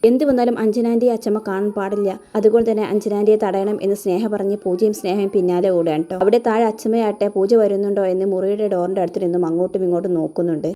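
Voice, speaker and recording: Female storyteller, brisk pace, mid pitch, recaps a TV serial and briefly acts out its characters. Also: steady tone, warm tone. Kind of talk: retelling a TV serial episode.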